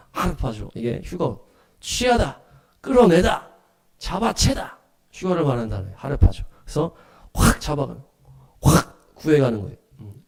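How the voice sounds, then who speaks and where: A man preaching as pastor of a small church, animated and laughing often as he acts out scenes. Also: a little high. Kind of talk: sermon.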